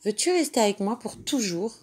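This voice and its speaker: A woman doing a high, eager little girl. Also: fairly quick, husky. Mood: sweet. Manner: bright, excited calling out. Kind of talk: storybook reading for children.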